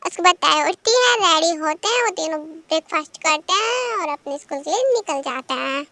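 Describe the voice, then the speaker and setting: A woman's voice: extremely high pitch, lively intonation, normal speed, pushed and bright, no room sound. A woman narrating a fan love story in a casual, chatty way.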